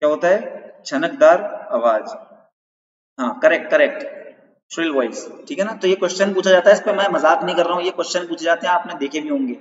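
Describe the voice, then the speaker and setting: A man's voice: on the high side, quick pace. A male teacher giving an exam-prep lecture in Hindi mixed with English terms, who keeps asking questions back and repeating the key points. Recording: roomy, distant, dull sound.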